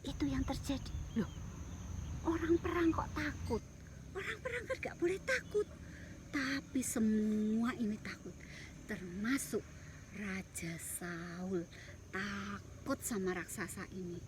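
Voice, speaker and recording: A woman telling a bedtime story to children in a lively, exclamatory way. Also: mid-range voice, takes it slowly, noisy background.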